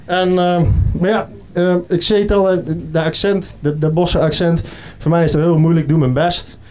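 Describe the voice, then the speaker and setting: A man, a comedian, telling comic stories in a chatty, animated way. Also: a little high, smooth. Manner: chatty, animated, doing quick voices. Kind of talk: comic storytelling monologue.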